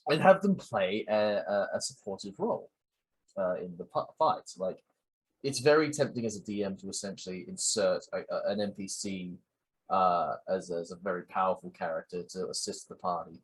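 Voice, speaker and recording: A man with a low, husky voice talks through a casual solo podcast monologue. He speaks hesitantly, filling pauses and restarting his sentences as he goes. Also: poor audio. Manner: hesitant, many fillers and restarts. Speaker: podcast host.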